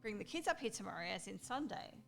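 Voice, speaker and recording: A woman's voice: mid-range voice, very animated, fast, gravelly, fairly bright tone, faint music behind. A woman on her first tabletop game, telling a rambling story between turns and swearing now and then. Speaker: new player.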